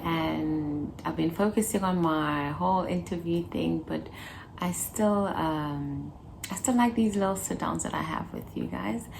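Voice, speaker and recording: A vlogger in her twenties chats casually to camera in a low, unhurried voice with vocal fry and a slightly mellow quality, over slight background noise. She's playful and talkative, breaking into little laughs and snippets of song.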